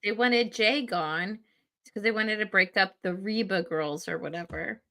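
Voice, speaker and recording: Bright-voiced, chatty female podcast co-host. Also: mid-range voice, measured pace. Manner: giggly, chatty. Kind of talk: casual chat.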